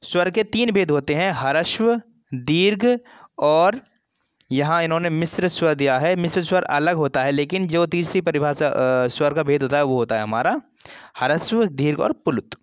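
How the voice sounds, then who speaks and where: A man teaching a grammar lesson for an exam, explaining slowly, repeating terms and stretching sounds as examples. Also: fairly high pitch, expressive, clean tone, dry recording. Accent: Hindi.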